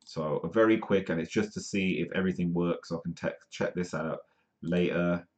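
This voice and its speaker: A man with a deep, low voice hosts a live comedy news stream, reading articles aloud and drifting into rambling asides. He fills the gaps with plenty of ums. The stream audio sounds dull and lo-fi. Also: steady tone, moderate pace, a little mellow.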